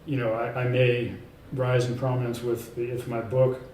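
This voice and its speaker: A man's voice: medium pitch, little pitch movement, normal speed, a little mellow, a little hiss or hum. A man speaking as an author and guest in a casual in-person interview, rambling through many fillers and restarts in an emphatic, self-assured way. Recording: echoey room, speaker far from mic, faint ambience.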